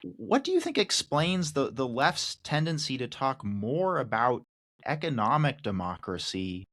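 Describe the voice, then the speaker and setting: A man hosting a podcast, putting a long, measured question to his guest and building it up with lists. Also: medium pitch, a bit bright, no room sound, poor audio. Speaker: podcast host. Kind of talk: interview question.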